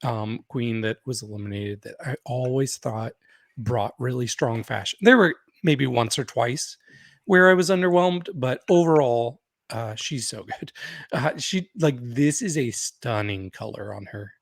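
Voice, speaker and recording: A man's voice: mid-range voice, unhurried, dry recording. A man co-hosting a podcast in casual chat, opinionated and chatty, often laughing as he talks. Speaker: podcast co-host.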